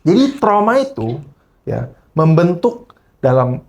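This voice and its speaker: Animated male preacher mixing in English. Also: on the high side, slow, muffled recording. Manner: mixes English phrases into his preaching; keeps checking in with the congregation. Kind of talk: sermon. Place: church service.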